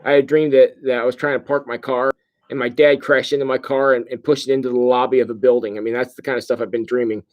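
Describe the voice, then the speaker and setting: Groggy, medicated middle-aged man speaking haltingly. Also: mid-range voice, flat delivery, highs cut off. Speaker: pastor. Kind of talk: casual livestream update to congregation. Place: hospital room.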